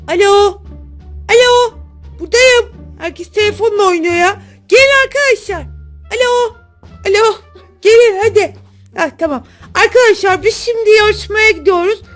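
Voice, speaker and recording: A woman hosting a gaming video, chatting excitably to viewers as she plays. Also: extremely high pitch. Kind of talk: casual game commentary.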